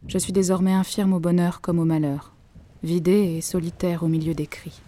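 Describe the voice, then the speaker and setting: An actress playing a drained, solitary woman in a radio drama. Her detached monologue comes in a dark, fairly low voice that stays flat. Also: normal speed, a little hiss or hum, close to an everyday voice. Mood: numb, bleak.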